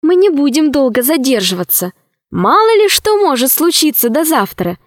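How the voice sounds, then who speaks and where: A woman voicing a lively, determined young girl in a children's story, speaking eagerly. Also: sits high, moderate pace, no echo, studio quality.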